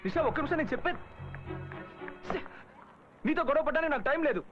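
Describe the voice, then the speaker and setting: A man's voice: very high-pitched, lively intonation, fast talker, a bit bright, soft background music. An actor playing a young man who pleads earnestly to get his injured friend admitted. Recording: dull movie audio with score.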